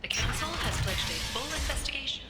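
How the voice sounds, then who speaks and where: A woman's voice: sits high, expressive, fairly quick. A woman playing a formal news announcer reading a bulletin in a science fiction game. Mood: neutral, formal. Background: loud music.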